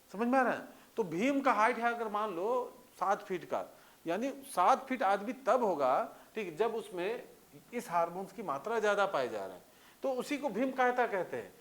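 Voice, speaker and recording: A man teaching a lecture in a conversational way, often checking that students understand with repeated questions. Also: high voice. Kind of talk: classroom lecture.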